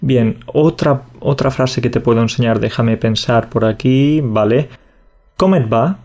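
A man's voice: mid-range voice, steady tone, measured pace, a little mellow. A man in his twenties, raised in Catalonia, co-hosting a casual podcast and patiently teaching phrases. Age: 20s. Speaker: podcast co-host.

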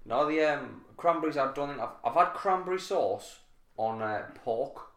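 A man's voice: fairly high pitch, lively intonation, moderate pace, a bit bright. North-east English man in an echoey room. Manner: sweary, jokey storytelling. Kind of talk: casual chat.

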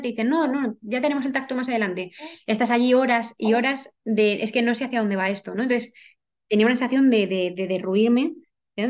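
A woman recounts a personal story as an interview guest, in a rapid, earnest flow full of restarts and repeated words. Her voice sits a little high, and she talks very quickly. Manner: rapid, earnest telling with frequent restarts and repetitions.

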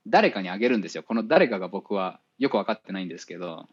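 A man, an engineer guest in a casual interview, explaining things step by step with many fillers and pauses. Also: low-pitched, sing-song, breathy edge. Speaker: spacecraft navigation engineer. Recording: dull lo-fi audio.

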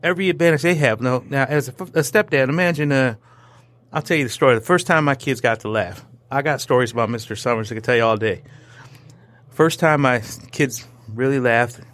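A man's voice: medium pitch, fairly quick, no room sound. A man as an interview guest, telling stories in a loose, joking way, full of restarts and playful sound effects. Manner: animated, joking, rambling with restarts. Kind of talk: casual storytelling conversation.

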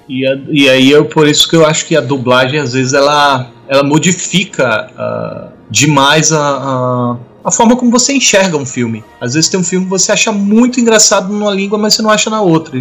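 Brazilian male podcast co-host, husky voice, loose rambling banter. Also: mid-range voice, fairly bright tone. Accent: Brazilian Portuguese. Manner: chatty, trails off and restarts, imitates sounds of languages. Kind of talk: casual chat.

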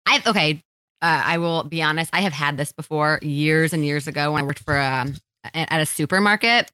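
Bright-voiced enthusiastic woman co-host. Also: sits low, a little fast, clear, resonant tone, no echo, studio quality. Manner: enthusiastic, frank opinions. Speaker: podcast co-host. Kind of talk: casual chat, product review.

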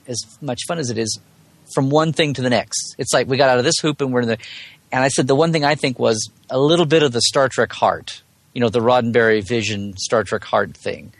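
This man's voice is mid-range, recorded without echo. He's a Star Trek blogger guesting on a podcast, chatting casually with fans in a digressive, colloquial style and frequently reworking his sentences mid-thought.

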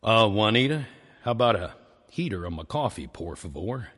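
A man voicing a shy, awkward small-town bachelor who talks low and hesitantly. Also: sing-song, moderate pace, a bit bright, slightly rough, heavily acted. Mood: sheepish. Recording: reverberant live church hall.

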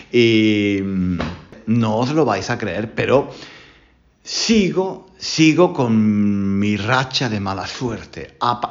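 A man's voice: medium pitch, highs cut off. A man from Spain with a Spain Spanish accent, a Spanish teacher hosting a casual podcast lesson at home, chatty and repeating his phrases. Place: home room with windows.

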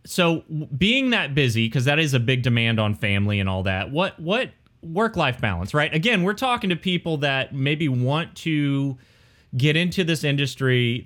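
A man's voice: mid-range voice, a bit bright. A man hosting a casual interview, talking in a rambling, conversational way as he works toward his questions. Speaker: interviewer, host.

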